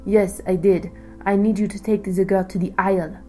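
A woman voicing a bold male fox guide who speaks loudly and firmly. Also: mid-range voice, little pitch movement, normal speed, faint music behind, close to an everyday voice. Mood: commanding. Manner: loud, firm, declaring.

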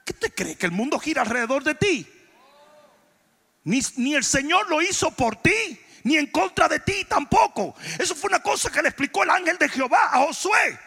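High-pitched shouting preacher in a hall. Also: male voice, animated, moderate pace, gravelly. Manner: preaching with shouted emphatic lines and joking asides. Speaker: pastor. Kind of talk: sermon.

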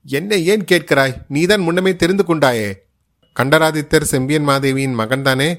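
A man's voice: a little high, moderate pace, a bit bright, pitched above the performer's own voice. A man voicing a frightened male captive who pleads and whines to be let go. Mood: whining. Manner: pleading, whining.

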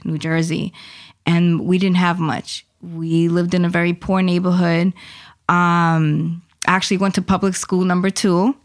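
Nervous middle-aged woman, smooth voice. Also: on the low side. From Puerto Rico. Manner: nervous, candid, many fillers. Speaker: guest, poet and event founder. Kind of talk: interview.

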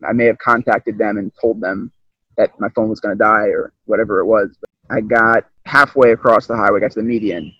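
A young man casually retelling a personal story, rambling and animated, often restarting his sentences. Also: on the low side, a little fast, breathy edge, no echo, dull audio.

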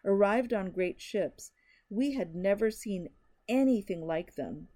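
A woman voicing a desperate male stranger who pleads and shouts an urgent warning, in a frantic, rising manner. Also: mid-range voice, lively intonation, measured pace. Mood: anguished.

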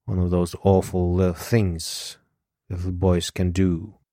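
A man voicing a guarded, reflective young man who speaks low and earnestly. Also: monotone, measured pace, dark tone, dry recording, clean studio sound. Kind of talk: audiobook character voice.

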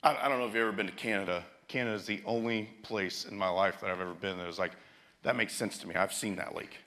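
A man's voice: lowish voice, fairly even intonation, fast, fairly bright tone. A man preaching a sermon as a pastor, telling stories and often restarting his phrases.

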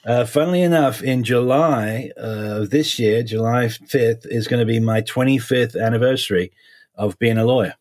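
A man in his forties with a slight Essex English accent softened by American years, chatting casually as an interview guest in halting, repetitive phrasing. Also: mid-range voice. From suburbs of London, England (Essex), then Florida from age 12. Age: 40s. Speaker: guest, criminal defense lawyer.

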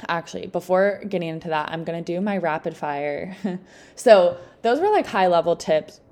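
A woman's voice: on the low side, lively intonation, normal speed, darkish tone. A young adult woman giving casual, chatty advice in an upbeat, encouraging, informal way, peppering her talk with "like". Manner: informal, frequent "like" as filler. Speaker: host of a self-help podcast.

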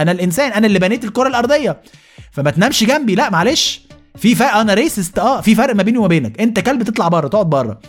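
A man with an Egyptian accent hosting a comedic rant monologue, animated and exasperated. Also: high voice. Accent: Egyptian Arabic. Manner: animated, exasperated, rapid-fire. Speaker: host.

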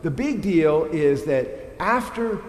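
A middle-aged man preaching a sermon as a pastor, animated and tossing in rhetorical questions. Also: fairly high pitch, slow pace. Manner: animated, frequent rhetorical "right?". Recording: echoey hall with long reverb.

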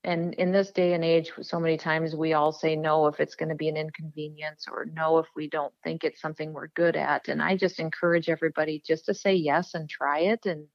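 A middle-aged woman from South Dakota speaks as an interview guest, her voice low and notably even, rarely rising or falling. She talks earnestly and plainly, with "um"s as she gathers her thoughts. The recording is dull and lo-fi, with a dry, close sound. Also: a little fast, hardly any pauses, dry recording. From South Dakota, USA. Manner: earnest, plain-spoken, frequent "um"s. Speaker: guest, politician. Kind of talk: casual interview storytelling.

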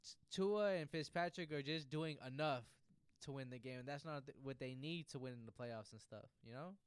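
Smooth-voiced casual podcast co-host man. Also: mid-range voice, moderate pace, no echo. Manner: loose, profane, laughing banter. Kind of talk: casual sports chat.

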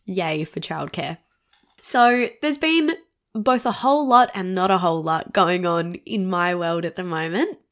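A woman in her thirties with an Australian accent hosts a solo podcast in a relaxed, chatty way. Her voice sounds nasal from a cold, at a medium pitch. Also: normal speed. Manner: chatty and warm, laughs between phrases. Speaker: podcast host. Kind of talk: casual solo podcast monologue.

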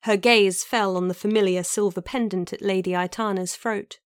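A woman narrating a fantasy novel as an audiobook, with an even storytelling delivery. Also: mid-range voice, moderate pace, no echo, clean studio sound.

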